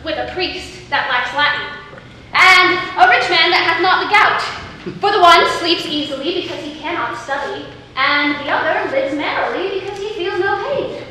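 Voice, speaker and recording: A woman's voice: very high-pitched, normal speed, bright, forceful tone. A woman on stage playing a witty, teasing young heroine disguised as a youth, declaiming playfully in Shakespearean style. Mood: quick-witted, playful. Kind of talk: live Shakespeare stage acting. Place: stage performance, recorded from afar. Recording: distant, echoey stage recording with faint noise.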